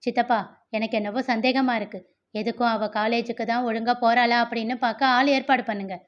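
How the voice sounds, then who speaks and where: A woman's voice: on the high side, fairly even intonation, brisk, dull audio, close to an everyday voice. A woman voicing a stern, protective young man, an older brother who talks firmly and questions everyone. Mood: suspicious. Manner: firm, questioning, commanding.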